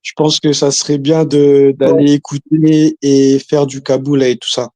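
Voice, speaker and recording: A man's voice: mid-range voice, level tone, a little slow, warm tone. A man from Congo on a video call, talking casually and hesitantly, with many restarts and fillers and an occasional chuckle. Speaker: caller. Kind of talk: casual chat.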